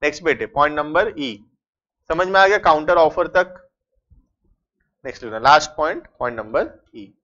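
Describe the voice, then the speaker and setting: A man with an Indian accent teaching a commerce lecture, dictating notes slowly word by word and addressing students fondly. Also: on the high side, lively intonation, sharp tone, dull audio.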